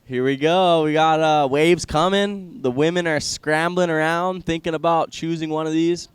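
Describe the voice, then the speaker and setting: A man's voice: a little high, steady tone, normal speed, smooth, dry recording. A man doing casual live sports commentary in a laid-back, chatty surfer style. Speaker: surf contest commentator.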